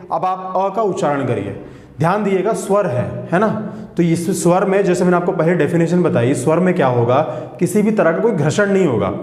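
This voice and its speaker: A male teacher leads a lesson in a fairly high voice, slowly repeating each sound and pausing to check that his listeners follow. The room is echoey, with a long trailing reverb behind his voice. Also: expressive, darkish tone. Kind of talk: classroom lesson.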